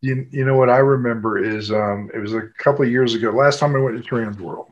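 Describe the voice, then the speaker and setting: A man's voice: mid-range voice, fairly even intonation, brisk. A man co-hosting a podcast, telling a story in a wry, casual way. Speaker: podcast co-host. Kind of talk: casual chat. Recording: dull lo-fi mic.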